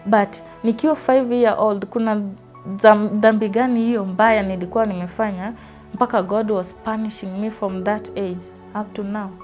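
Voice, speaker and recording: Faint music plays behind a steady, medium-pitched, slightly mellow female voice at a moderate pace. She's a Kenyan in her twenties from Western Kenya, earnestly sharing her life story in an interview and switching easily between English and Swahili.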